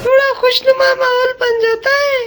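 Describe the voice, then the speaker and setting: A woman's voice: extremely high pitch, level tone, normal speed, over loud music. A woman voicing cheeky, whiny schoolboys who talk back to their teacher in a cartoon. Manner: cheeky, whining, talking back. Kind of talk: cartoon voice acting.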